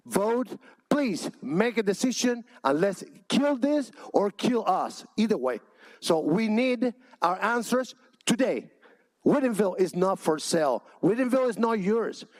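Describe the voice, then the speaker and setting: Impassioned man with a Cuban Spanish accent. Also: high voice. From Cuba. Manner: impassioned, pleading, repeats his points. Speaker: public commenter. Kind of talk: public comment at a city council meeting. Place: council chamber.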